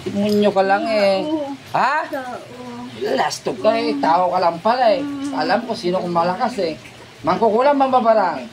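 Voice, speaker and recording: A woman's voice: medium pitch, normal speed, a crowd in the background. A woman folk healer leading a healing ritual, chanting prayers and then taunting and demanding answers in a commanding way. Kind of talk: healing ritual incantation and confrontation. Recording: noisy background.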